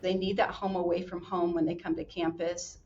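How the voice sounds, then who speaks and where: A woman's voice: fairly low pitch, flat delivery, normal speed. A woman university administrator answering interview questions, recorded from a distance with a dull, slightly noisy sound.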